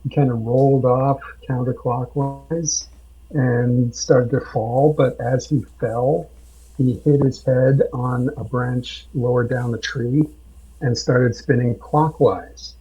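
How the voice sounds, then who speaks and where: A man on a podcast, telling a tabletop game story slowly with many pauses and fillers. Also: medium pitch, steady tone, warm tone, breathy edge. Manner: slow, halting with many fillers. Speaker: podcast guest, game master. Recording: dull lo-fi sound.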